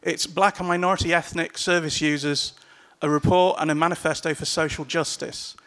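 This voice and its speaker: At a political event, a male panel speaker addresses a packed meeting room loosely and casually, urging and begging the crowd with some swearing and laughs. His voice is fairly high and fairly bright, with fairly even intonation and a fairly quick pace.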